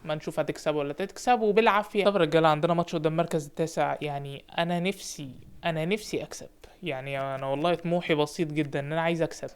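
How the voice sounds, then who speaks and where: A young man with an Egyptian Arabic accent, giving lively, animated commentary while playing a football manager game and shouting encouragement at his players. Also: fairly high pitch, racing, clear, resonant tone. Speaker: gaming YouTuber.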